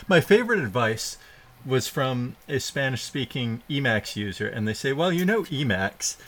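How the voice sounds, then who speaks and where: A podcast host welcomes guests to a live show, chatting casually and poking fun at himself with laughs and filler. His voice is on the low side and a bit bright.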